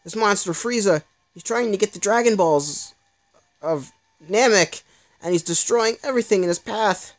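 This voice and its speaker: A woman's voice: mid-range voice, normal speed, pitched above the performer's own voice, close to an everyday voice. A woman doing a worried little sidekick fighter. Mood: relieved. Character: short, worried, loyal male fighter.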